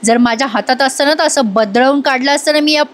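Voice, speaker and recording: A scornful young daughter-in-law with a sharp, taunting tongue, as a woman narrator plays her. Her high voice scolds and mocks. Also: fast talker, lightly acted.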